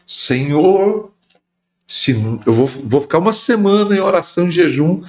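A middle-aged man, a bishop and podcast guest, telling a personal story in an animated way and acting out the dialogue he quotes. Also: high-pitched, a little slow. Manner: lively storyteller who acts out quoted dialogue.

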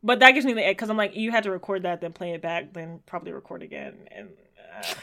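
A woman in her twenties co-hosting a podcast, chatting casually with lots of filler words and quick laughs. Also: lowish voice, animated, vocal fry, pushed and bright. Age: 20s. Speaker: podcast co-host. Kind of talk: casual chat.

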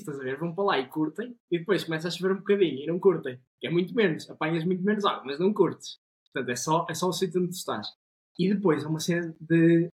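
A young man with a European Portuguese accent, chatting on a podcast with enthusiasm and plenty of slang and swearing. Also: a little high. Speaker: podcast co-host. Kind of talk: casual podcast chat.

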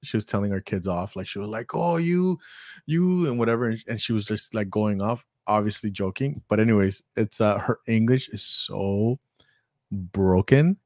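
A man's voice: fairly low pitch, steady tone, moderate pace, a little mellow, dry recording, clean studio sound. A man co-hosting a podcast, chatting casually with a playful, teasing manner. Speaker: podcast co-host. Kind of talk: casual chat.

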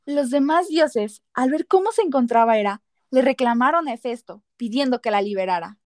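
A woman's voice: a little high, animated, moderate pace, darkish tone, dry recording, studio quality. A woman narrating a scripted story dramatically as a podcast narrator.

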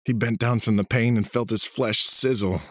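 A man narrating a storybook in a steady, even reading voice. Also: medium pitch, moderate pace, dry recording, clean studio sound.

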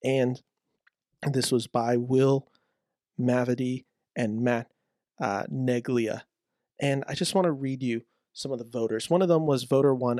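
A man giving frank, animated awards-prediction commentary as a film reviewer, reading out quotes. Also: medium pitch, no room sound, studio quality.

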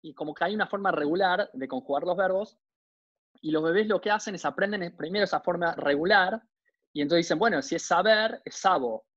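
A man with a Rioplatense Argentine accent gives a relaxed university lecture. His voice sits a little high, and he keeps checking in with his listeners as he talks. The recording is dry and somewhat dull, with a lo-fi sound. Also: brisk, no echo. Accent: Rioplatense Argentine Spanish. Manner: conversational, often checks in with "¿no?". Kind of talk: informal lecture.

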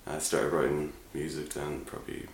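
Deep-voiced Irish man in an echoey room. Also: completely flat delivery, normal speed. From Longford, Irish midlands. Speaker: band founder being interviewed. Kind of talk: casual chat. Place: indoors on pub or venue premises. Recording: roomy echo, faint noise and clicks.

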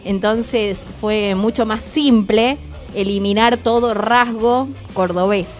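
A woman from Córdoba with an Argentine accent and faint traces of her home region, chatting as a radio guest in a lively, often laughing way. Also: medium pitch, slow. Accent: Argentine Spanish, faint Córdoba traces. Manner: animated, laughs often, reflective. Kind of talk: casual radio chat.

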